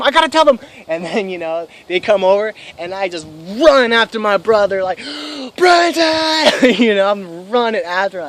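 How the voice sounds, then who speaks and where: A young man in his twenties telling a story casually to camera, excitable, swearing freely and laughing often. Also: fairly high pitch. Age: 20s. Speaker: vlogger. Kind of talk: casual first-person storytelling.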